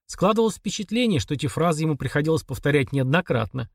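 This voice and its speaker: A man narrating an audiobook in a measured, even storytelling manner. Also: fairly high pitch, creaky, no echo, clean studio sound. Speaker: audiobook reader. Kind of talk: scripted narration.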